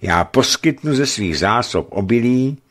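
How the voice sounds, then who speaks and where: A man's voice: medium pitch, animated, fairly bright tone, voice pushed up. A man voicing a stern, commanding old bishop who speaks solemnly.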